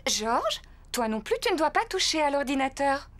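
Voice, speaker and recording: A woman's voice: sits high, very animated, normal speed, a bit bright. Une femme qui joue une maman cochon gentille mais ferme dans un dessin animé. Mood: patient, firm. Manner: motherly, firm. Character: Maman Pig, kind but firm mother pig. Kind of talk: French cartoon dubbing.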